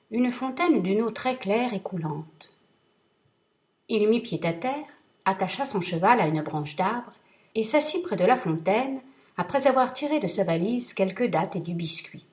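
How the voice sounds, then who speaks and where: A woman narrating a classic tale in a steady, measured reading voice. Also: medium pitch. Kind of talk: storybook reading.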